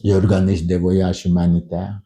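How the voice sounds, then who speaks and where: A man's voice: low voice, little pitch movement, measured pace, mellow. A middle-aged man who speaks French as a second language, a union leader and pastor telling his story in an earnest documentary interview, with hesitant restarts and repeated words. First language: not French.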